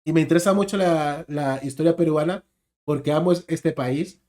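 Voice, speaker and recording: Un hombre con acento de España que comenta y reflexiona con calma sobre un video de historia. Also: male voice, fairly high pitch, normal speed. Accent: Spanish from Spain. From Spain. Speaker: reaction video host. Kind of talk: casual commentary.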